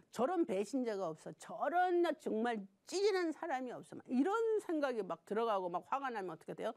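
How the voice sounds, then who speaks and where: A woman lecturer with a fairly high voice that swings widely in pitch. She addresses her audience directly, throws out rhetorical questions and acts out short scenes as she teaches. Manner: animated, acts out little quoted scenes; talks straight to the audience with frequent rhetorical questions. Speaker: professor giving a lecture.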